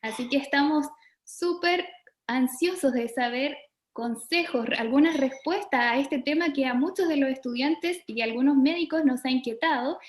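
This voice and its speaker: A young adult woman with a Chilean Spanish accent, a doctor co-hosting an online forum, earnestly leads a prayer. Her voice sits high, and the room sounds echoey.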